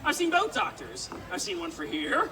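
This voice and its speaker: A woman's voice: high voice, huge pitch swings, moderate pace. A woman performing a live sword swallowing show, projecting cheeky, joking patter and bantering with the audience at an outdoor festival. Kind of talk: live comedic stage patter to a crowd. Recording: distant, noisy outdoor festival crowd recording.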